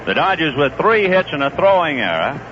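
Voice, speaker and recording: A play-by-play announcer calls baseball a little fast in a slightly high voice that rises and falls freely, conversational but bursting with excitement on big plays. It sounds like a dull old radio broadcast beneath a clear layer of hiss.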